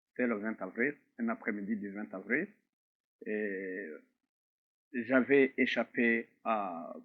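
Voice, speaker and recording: A middle-aged man from Rwanda gives a slow, grave testimony as an interview guest, pausing often between phrases. His voice sits at an ordinary pitch. The sound is thin and phone-like, as if heard over a narrow line. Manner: measured and grave, with frequent pauses. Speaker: interview guest, author and survivor. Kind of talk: slow, reflective personal testimony.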